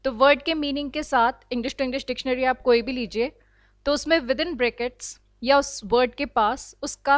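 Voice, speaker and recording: Indian woman teacher, lecturing, very slow pace, dry close sound. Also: high-pitched, no echo. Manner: slow, deliberate explaining, switching between Hindi and English. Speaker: English teacher. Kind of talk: online lecture.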